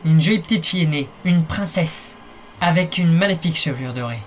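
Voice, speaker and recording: Narrating a fan-dubbed fairy tale, a man addresses the viewer directly in a playful, wry way. His voice is fairly high, brisk, and lively in intonation.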